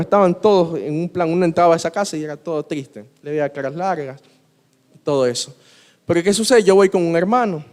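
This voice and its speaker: A man's voice: fairly high pitch, a little mellow, clear, resonant tone. Male preacher with trouble pronouncing R, echoing hall. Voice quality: cannot pronounce the R properly. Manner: conversational, addresses congregation with rhetorical questions. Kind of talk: sermon with personal anecdotes. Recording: long hall reverb.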